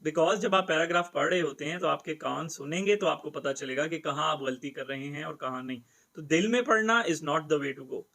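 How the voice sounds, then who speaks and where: A man's voice: a little high, moderate pace, creaky, bright, forceful tone, low-quality recording. A young man from Pakistan, teaching a test-prep lesson and switching between Hindi-Urdu and English. He explains step by step and asks himself questions before he answers them.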